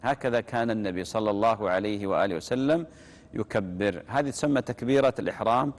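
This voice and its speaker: Low-voiced man teaching, echoing reverb. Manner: repeats key phrases, demonstrates by saying them slowly. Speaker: religious teacher. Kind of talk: religious instruction on prayer. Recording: long reverb.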